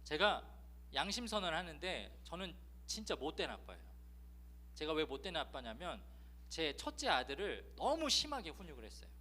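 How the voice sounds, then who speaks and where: High, lively male pastor preaching. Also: normal speed. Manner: candid confessional storytelling; acts out scolding voices in his story. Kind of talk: sermon.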